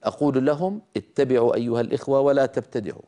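A male teacher of Quran recitation giving a religious lesson in an earnest way, repeating key points and sounding them out slowly. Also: medium pitch, mellow. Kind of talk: religious lecture on recitation rules.

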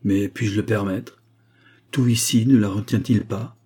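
Brief: man playing an impulsive young officer, fervent and emotional, husky tone. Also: lowish voice, steady tone, measured pace, warm tone. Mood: ardent. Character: young ardent Venetian captain, impulsive. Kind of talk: audiobook reading.

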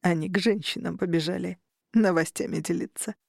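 A woman reading as a slow, courteous vampire gentleman. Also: on the low side, fairly even intonation, creaky, no room sound, studio quality. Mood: ironic. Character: tall dark-haired male vampire, courteous, ironic. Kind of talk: audiobook character reading.

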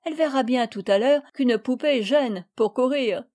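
A woman reading aloud, voicing an eager, impatient little girl in a storybook with high, excited calls. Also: moderate pace, lightly acted.

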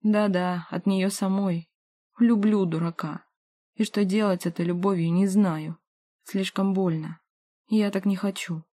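A woman narrating a first-person novel as an audiobook, expressive and voicing the heroine's dialogue. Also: mid-range voice, measured pace, no room sound, studio quality.

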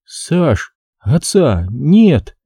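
A man's voice: fairly high pitch, sing-song, measured pace, dark tone, slightly rough, no echo, studio quality, pitched above the performer's own voice, heavily acted. A man reading an audiobook, voicing a grieving mother who sobs and speaks in a trembling voice. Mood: tearful. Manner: sobbing, trembling speech. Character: tearful grieving older mother.

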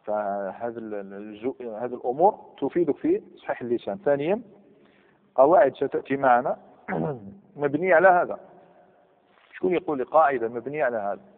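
Male grammar teacher, lively classroom lecture, thin phone-like sound, long hall echo. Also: mid-range voice, a little fast. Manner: lively, questions the students and repeats words.

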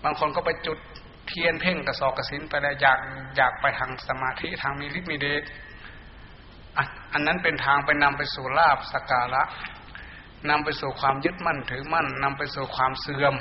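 A man's voice: fairly high pitch, fairly even intonation, a little fast. A male Buddhist monk giving a meditation dharma talk to monks and laypeople, blunt and colloquial, at times scolding and chanting Pali verses. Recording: muffled echoey hall recording, faint hiss.

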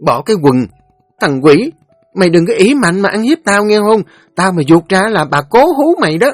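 A man voicing a foul-mouthed, shrill teenage village girl who screeches curses and fast threats. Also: very animated, dry recording, soft background music. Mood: furious.

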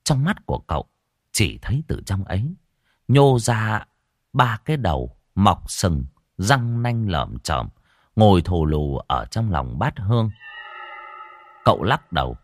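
A man narrates an audiobook story in a deep, low voice with a lively, expressive delivery. His pitch rises and falls a great deal. The recording is dry and close. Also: a little slow, long pauses, no echo.

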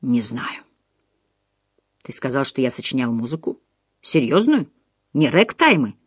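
A bewildered young man with no memory, as a woman reader puts him on, speaking in a low, hesitant, unsure voice. He falters and trails off often. The recording is dry and close. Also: big pitch swings, measured pace, breathy edge, no echo, heavily acted. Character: confused, timid young man who lost his memory.

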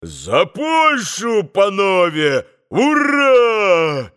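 A man playing a loud, boisterous young reveler. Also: on the high side, lively intonation, takes it slowly. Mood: exuberant. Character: excitable young male drunken reveler, loud and impulsive.

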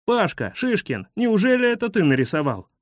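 A man's voice: high-pitched, big pitch swings, moderate pace, no room sound, pitched above the performer's own voice. A mischievous schoolboy who teases his classmates, as a man reads his lines, his voice raised above the reader's own. The sound is close and dry. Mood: teasing. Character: cheeky schoolboy, mischievous, sulky. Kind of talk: storybook reading.

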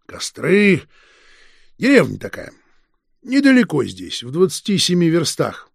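A man voicing a sly, mocking older police detective chief, who interrogates in a slow, needling, teasing way. His voice is husky and gravelly. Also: a little high, huge pitch swings, dry recording, studio quality, voice pushed up, full character voice. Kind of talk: audiobook character reading.

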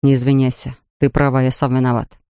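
A woman voicing a worried, gentle male dragon farmer and father. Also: rumbling low, little pitch movement, a little fast, smooth, no echo, clean studio sound, pitched below the performer's own voice. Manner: anxious, soft-spoken.

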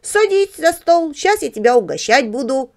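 A woman's voice: high voice, very animated, moderate pace, pitched above the performer's own voice. A woman voicing a boastful, know-it-all male house dog who explains things in a patronizing way, read as a storybook character.

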